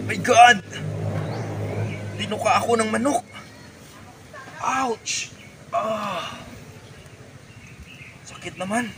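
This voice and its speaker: A man playing a naive, excitable would-be superhero in a comedy skit, thinking aloud in melodramatic exclamations. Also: a little high. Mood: startled, pained. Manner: exclamatory, melodramatic self-talk with villain-like laughing. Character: excitable naive man turning superhero after a chicken peck. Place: outdoors. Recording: noisy outdoor recording with vehicle sounds.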